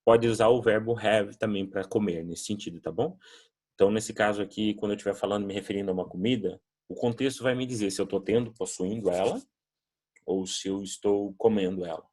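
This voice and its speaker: Husky-voiced Brazilian man teaching English. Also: on the low side, a little fast, darkish tone. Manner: explains patiently, models pronunciation with drills. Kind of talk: recorded classroom lesson.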